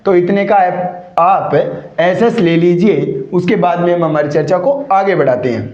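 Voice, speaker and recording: A man's voice: high voice, unhurried, a little mellow. A male English teacher, lecturing a class and constantly answering his own rhetorical questions. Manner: repeats rhetorical questions and answers them himself. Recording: echoey room, dull lo-fi sound.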